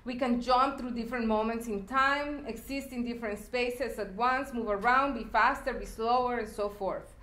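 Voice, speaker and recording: A woman's voice: fairly high pitch, moderate pace, few pauses, a bit bright. A woman from El Salvador giving a public talk about her art installations, speaking reflectively with fillers and restarts. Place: lecture hall. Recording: echoey lecture hall.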